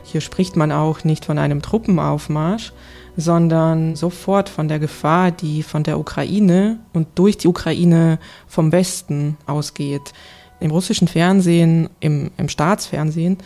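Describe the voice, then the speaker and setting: A woman working as a correspondent, explaining things in a conversational reporting style with a creaky voice. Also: low voice, steady tone, a little slow, mellow, soft background music.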